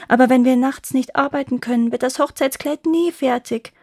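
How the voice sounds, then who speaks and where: A woman's voice: high-pitched, normal speed, a little mellow, dry recording, clean studio sound, voice pushed up. A woman reading an earnest poor seamstress. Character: poor, diligent seamstress, female.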